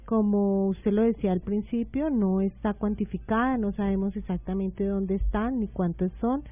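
A woman's voice: mid-range voice, steady tone, normal speed, no room sound, phone-quality sound. Formal woman official, dry phone sound. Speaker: government nutrition director, radio guest. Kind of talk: radio interview.

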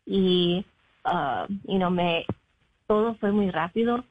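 A young adult woman from Mexico, a guest telling her own story in an interview. She talks haltingly, with many fillers and English words mixed in. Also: lowish voice. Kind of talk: personal account in an interview. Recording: phone line.

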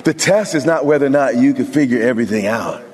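A man's voice: medium pitch, quick pace, a little mellow, in a large hall. A male pastor preaching an emphatic sermon, talking straight to his congregation with humorous asides.

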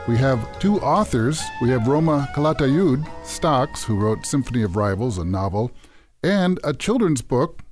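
A man's voice: mid-range voice, a little mellow. Conversational male talk show host. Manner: friendly, conversational, a bit halting. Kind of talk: radio talk show interview.

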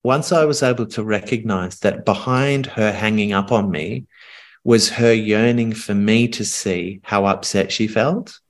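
The same middle-aged coach, his voice on the low side, keeps a calm, sincere tone throughout the coaching podcast. His speech comes in thoughtful phrases broken up by pauses.

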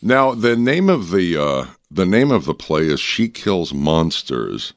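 A man's voice: sits low, sing-song, measured pace, dry recording. A man hosting a morning radio show, chatting casually in an upbeat way with fillers.

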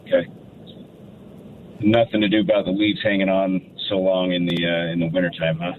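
A man calls in over the phone, his low voice squeezed into a tinny, narrow phone-line sound. A faint hiss sits behind him. He talks casually, often stopping and restarting mid-sentence. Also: level tone, normal speed. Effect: heard over the phone. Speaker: radio call-in caller.

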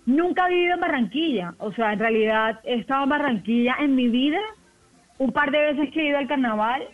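A woman's voice: high-pitched, a little fast, no room sound. Chatty coastal Colombian woman on a phone line. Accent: Colombian coastal Spanish, softened. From Colombian Caribbean coast. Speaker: TV news presenter, guest. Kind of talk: casual radio chat. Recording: tinny phone line, dry.

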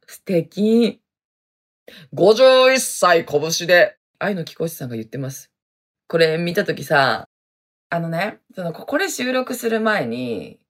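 A woman's voice: fairly low pitch, fairly bright tone. A woman hosting a podcast in a casual solo chat, reading listener messages, laughing often and breaking into little sung jingles. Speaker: podcast host.

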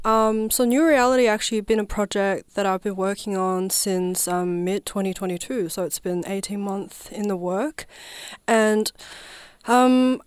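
Smooth-voiced woman. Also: medium pitch, fairly even intonation, measured pace, dry recording. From southwest China. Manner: reflective, hedging with frequent "I suppose" and "like". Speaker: guest artist. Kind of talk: casual radio interview. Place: radio studio.

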